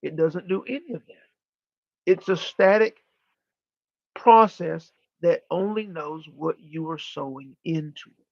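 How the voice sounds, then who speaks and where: High-pitched creaky man channeling like a medium. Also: a little mellow, no echo, lo-fi sound. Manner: deliberate, formal, emphatic phrasing with pauses and repetition. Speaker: channeler leading a live spiritual session. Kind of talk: channeled spiritual teaching, like a seance medium speaking as a guide.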